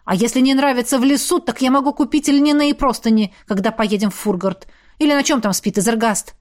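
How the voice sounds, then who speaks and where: A woman voicing a jealous, hot-tempered young male shapeshifter in an audiobook, gruff and needling. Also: fairly high pitch, brisk, lightly acted. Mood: stubborn. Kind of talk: audiobook character reading.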